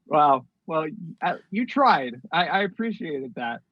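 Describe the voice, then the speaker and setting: Male co-host, higher voice, dry wit, steers the talk; dry, slightly lo-fi sound. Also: big pitch swings, unhurried, dry recording. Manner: dry, laid-back, steers the show along. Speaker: podcast co-host. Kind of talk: casual chat. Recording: dry, slightly dull lo-fi audio.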